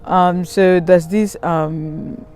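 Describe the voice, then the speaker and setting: With drawn-out words and fairly even intonation, a young woman from Cameroon shares a casual storytime monologue on her vlog channel, recorded outdoors by a river on a handheld camera held at arm's length. Her fairly low, darkish voice is candid and rambling, with many ums and restarts, and faint music is in the background.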